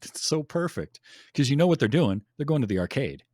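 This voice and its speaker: A man with a mid-range, darkish voice hosts a podcast, talking about a film casually and enthusiastically, with lots of ums. He speaks fairly quickly with big pitch swings, and the recording is studio quality with no room sound.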